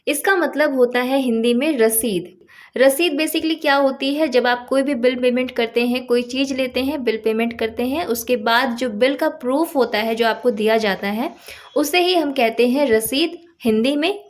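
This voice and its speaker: A woman with an Indian accent teaching English pronunciation to viewers, explaining patiently and spelling words out slowly. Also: sits high.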